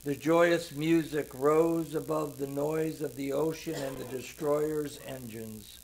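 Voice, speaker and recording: An older man narrating a sentimental story in the first person, slow and heartfelt. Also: a little high, steady tone, creaky, a little mellow, faint music behind, rough recording.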